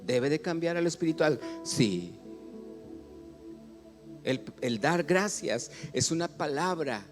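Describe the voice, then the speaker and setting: A Mexican man, a pastor, preaching a sermon. He asks the congregation questions, has them read along, and often builds up to loud exclamations. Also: fairly high pitch, lively intonation, slow, pauses often, faint music behind.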